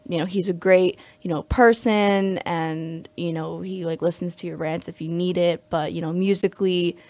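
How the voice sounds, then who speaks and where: A woman's voice: lowish voice, a little mellow, no room sound. A young adult woman, a music student, answering interview questions in a chatty, rambling way full of fillers. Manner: chatty, rambling, heavy with "like" and "you know".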